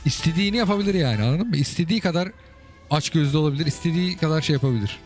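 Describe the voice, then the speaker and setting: A man hosts casual commentary over viewers' game replays, chatty and rapid-fire in a slightly high, expressive voice. He keeps asking "you get it?" and calling the listener brother. Faint music plays behind him.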